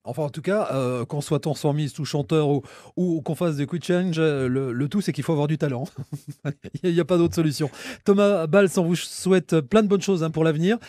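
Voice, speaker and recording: Man, morning radio host, friendly chatty questions, warm dark tone, dry studio sound. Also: a little high, fairly quick, no room sound. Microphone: studio microphone.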